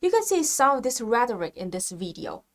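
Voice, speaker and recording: A woman with a slightly higher voice hosts her own video channel. She gives scripted commentary straight to camera, and her manner is earnest and explanatory. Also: very animated, brisk, slight background noise. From Vietnam. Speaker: video host.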